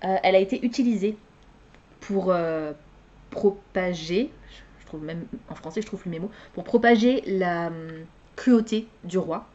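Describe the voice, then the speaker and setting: A woman's voice: lowish voice, measured pace, warm tone, highs cut off. A young woman chatting casually as a book vlogger, hesitant, with many fillers and self-corrections. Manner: laughs at her own slips. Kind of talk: casual chat.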